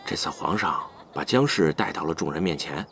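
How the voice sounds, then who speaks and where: An actor playing a flustered, whiny young prince in a costume drama. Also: male voice, extremely low pitch, animated, fairly quick, fairly bright tone, slight background noise, exaggerated voice. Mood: earnest.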